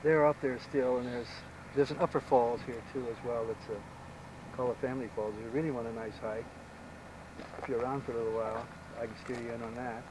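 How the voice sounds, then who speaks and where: A man rambles easily about the land around him, his words tumbling out fast. He sounds like an old VHS home video made outdoors on a camcorder. A steady layer of tape hiss sits under his voice. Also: medium pitch. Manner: easygoing, chatty, quick talker. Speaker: local guide showing a visitor around. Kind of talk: casual rambling storytelling. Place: outdoors on a rural property. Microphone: camcorder microphone.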